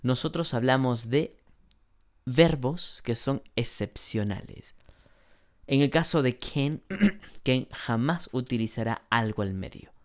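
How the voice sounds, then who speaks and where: A male teacher gives an English lesson at an unhurried, careful pace. He lays out each rule step by step and pauses to clear his throat now and then. His pitch sits in a middle range for a man. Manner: slow, deliberate explanations, often clears throat. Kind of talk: online class lesson.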